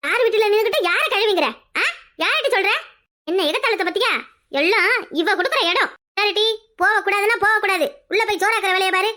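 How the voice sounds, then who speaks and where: A woman voicing a sharp-tongued elderly village mother-in-law in a cartoon, nagging with a Kanyakumari Tamil accent. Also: very high voice, fast talker. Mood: scolding. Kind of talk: cartoon voice acting.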